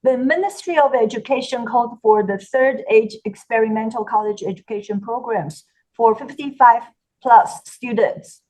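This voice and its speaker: Woman presenter, slightly high voice, careful delivery, video call. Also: normal speed, a little mellow, poor audio. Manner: careful delivery with "uh" fillers and restarts. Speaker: webinar presenter. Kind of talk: presentation on a webinar.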